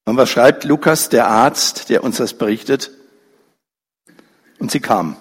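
A man preaching a sermon, telling a story dramatically and briefly acting out the people in it. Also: slightly rough. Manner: slow, pausing delivery with wide pitch swings. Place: church hall. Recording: reverberant church hall.

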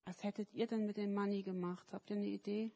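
A woman telling a story to children at a church service, lively and turning to ask them questions. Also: mid-range voice, quick pace, vocal fry. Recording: echoey hall.

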